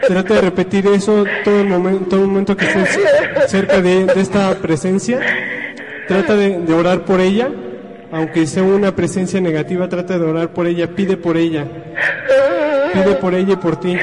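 A male host calmly soothing a caller and then firmly demanding a name. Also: high-pitched, normal speed, low-quality recording. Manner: calm, soothing, then commanding.

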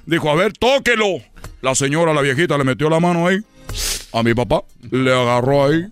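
A man's voice: mid-range voice, quick pace, smooth, soft background music. A man telling a comedy story in a rambling way, repeating himself and slipping into voices.

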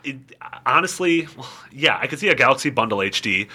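Hesitant man with a bright voice. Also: mid-range voice, lively intonation, brisk, breathy edge. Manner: hesitant, many fillers and restarts. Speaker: podcast co-host. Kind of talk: casual podcast chat.

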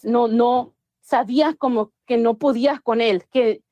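Woman, higher pitch, dry recording, chatty storytelling, many restarts. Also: fairly even intonation, a little slow, dark tone, no echo. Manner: mixes English words into Spanish, many restarts. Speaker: guest. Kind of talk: casual storytelling interview.

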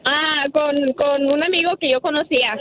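A woman calling in to a radio show, speaking haltingly with many restarts. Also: high voice, steady tone, a crowd in the background. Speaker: caller. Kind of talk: phone call on a radio show. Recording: tinny phone line.

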